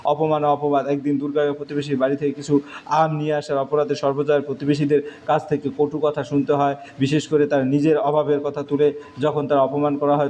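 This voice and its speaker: A man's voice: fairly high pitch, a little mellow. A male teacher, walking through exam answers in short, clipped phrases. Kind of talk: exam answer walkthrough lesson. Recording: dull lo-fi recording with faint noise.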